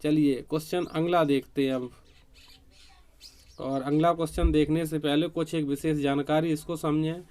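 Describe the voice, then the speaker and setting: A man's voice: fairly high pitch, fairly even intonation, normal speed, dark tone. A man teaching a grammar quiz to exam students, repeating each question and answer. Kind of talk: online exam-prep quiz lesson.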